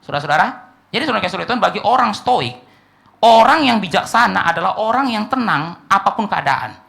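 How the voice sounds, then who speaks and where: A male pastor delivering a sermon, swinging between loud emphatic lines and quiet asides, acting out short dialogues in a lowered voice. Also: very animated, fast, vocal fry. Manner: preaching with sweeping pitch swings, drops to quiet asides. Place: church hall.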